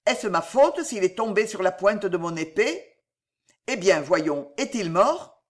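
An audiobook narrator voicing a brash old soldier of fortune who talks in loud, blustering exclamations. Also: mid-range voice, animated, a little slow, lightly acted. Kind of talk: audiobook character reading.

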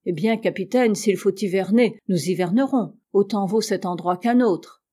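Woman reading as a calm, learned ship's doctor. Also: medium pitch, normal speed, natural voice. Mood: calm, reassuring. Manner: patient and reasoning.

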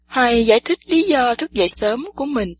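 A woman narrating a story gently and evenly. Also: fairly high pitch, expressive, fairly quick, breathy edge.

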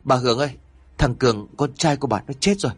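A man's voice: medium pitch, no echo, soft background music, close to an everyday voice. A man doing a frantic neighbor bringing bad news. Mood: urgent. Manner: hurried, breathless delivery.

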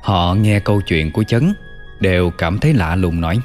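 A man narrating an old folk tale in a calm, measured way. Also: sits low, in a large hall, soft background music. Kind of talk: storytelling narration.

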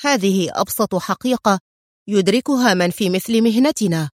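A woman reading the lines of an angry, sharp intelligence officer in an audiobook story, speaking forcefully and lecturing. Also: medium pitch, normal speed, dry recording, clean studio sound, close to an everyday voice.

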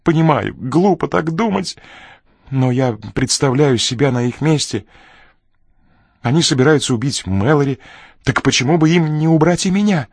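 Man doing a shrill panicky nervous wreck. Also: expressive, moderate pace, vocal fry, husky, no room sound, clean studio sound. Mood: fearful. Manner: shrill, pleading, frantic outbursts.

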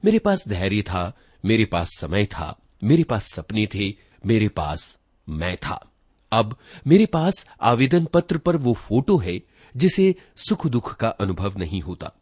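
Reading a literary short story in the first person, a man uses a fairly low, husky voice and a slow pace. His delivery is dramatic and reflective, pitch swinging very vividly, and the recording has no echo.

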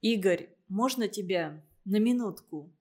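A woman reading an audiobook, voicing a teenage boy who talks in a brisk, falsely cheerful way. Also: mid-range voice, expressive, darkish tone.

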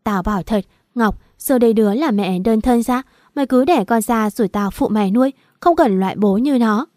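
A woman's voice: on the high side, moderate pace, warm tone, no echo, clean studio sound, natural voice. A woman voicing a blunt, protective young female friend who scolds and urges in an audiobook. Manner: frank, scolding, urging. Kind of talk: audiobook character voice.

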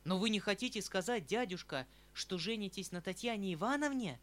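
A man's voice: high-pitched, very animated, a little slow. A man reading an anxious young nephew. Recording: faint background music.

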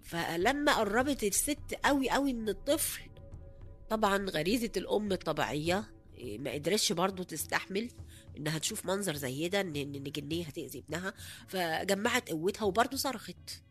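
A woman's voice: fairly low pitch, lively intonation, quick pace, soft background music. Egyptian woman narrating a horror story. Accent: Egyptian Arabic. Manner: conversational, full of hesitant fillers and restarts. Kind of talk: casual spoken storytelling.

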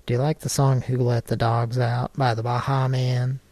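A man's voice: medium pitch, flat delivery, a little mellow, no echo. A man hosting a live comedy stream, firing off jokey, random questions. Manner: jokey, quick-fire questions. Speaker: host.

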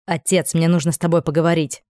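A reader voicing a haughty young nobleman who speaks loudly with tense urgency and cold contempt. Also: mid-range voice, fairly quick, no room sound, natural voice.

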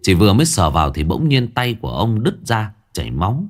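A man narrating a ghost story in a dramatic, expressive reading style. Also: lowish voice, a little fast, soft background music.

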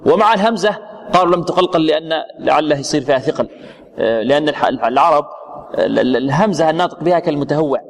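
A man teaching Quran recitation rules, quizzing his students and answering his own questions with halting restarts. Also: fairly high pitch, expressive, creaky, big-room sound. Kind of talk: tajweed lesson with questions to students.

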